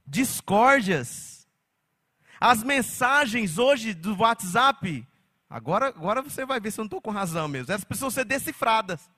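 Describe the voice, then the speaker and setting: A man preaching a sermon as pastor, animated, slipping into mocking quoted voices. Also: sits high.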